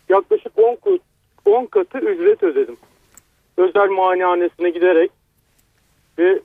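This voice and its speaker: A middle-aged man from Turkey calling in to a radio phone-in over a telephone line, telling a personal account in halting speech that restarts mid-sentence. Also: sits high, gravelly, dry recording. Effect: heard over a telephone line.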